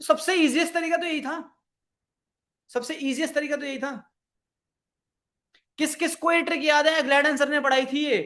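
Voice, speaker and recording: A man's voice: very high-pitched, steady tone, normal speed, pauses often, sharp tone. A man teaching a live online programming class, mixing English coding terms into his Hindi, repeating his phrases and quizzing the students. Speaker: programming instructor.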